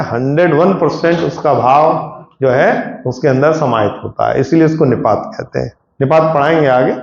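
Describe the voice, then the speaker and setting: A man's voice: mid-range voice, vocal fry. A man teaching Hindi grammar to a class, explaining patiently and checking often with questions. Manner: explains patiently, asks students frequent questions. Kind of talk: classroom lecture. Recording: echoey classroom, dull lo-fi sound.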